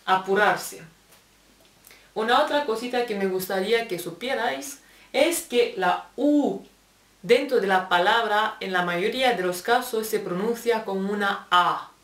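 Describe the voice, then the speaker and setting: A woman's voice: medium pitch, measured pace, a bit bright, far from the mic. A woman teacher with a Spain Spanish accent, patiently explaining English grammar, spelling out letters and repeating examples. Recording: echoey room, voice set back from the mic.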